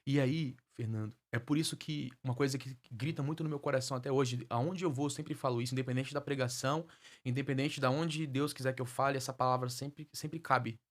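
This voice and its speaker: A man's voice: mid-range voice, fairly even intonation, a little fast. A man, a guest minister, tells his life story as a testimony in a fervent preaching cadence and repeats phrases for emphasis.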